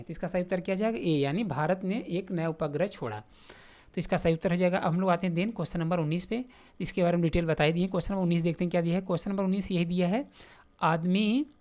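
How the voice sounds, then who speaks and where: A woman's voice: fairly low pitch, darkish tone. A woman teaching an exam-prep grammar lesson in a casual, repetitive way, reading out answer options and calling her students "my brother". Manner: casual, repetitive explaining, calls listeners "my brother"; reads out question options one by one.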